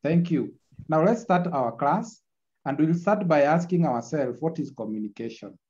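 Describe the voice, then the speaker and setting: In a screen recording of an online class where the highs are cut off, a lecturer speaks at normal speed with a somewhat high, slightly mellow voice and lively intonation. He comes back to his points again and again and checks in with "eh?".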